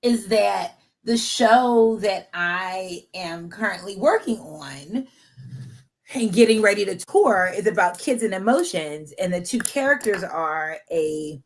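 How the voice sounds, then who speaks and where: A woman's voice: medium pitch, animated, takes it slowly, rough recording. Candid self-mocking woman host. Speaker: podcast host. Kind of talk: casual chat.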